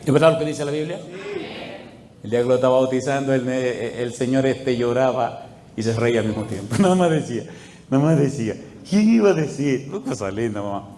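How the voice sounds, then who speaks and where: A man's voice: mid-range voice, quick pace, echoey room, a little hiss or hum. A middle-aged man preaching a sermon as a pastor, firing questions at the congregation and telling stories with animation. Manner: call-and-response questions to the congregation, animated storytelling.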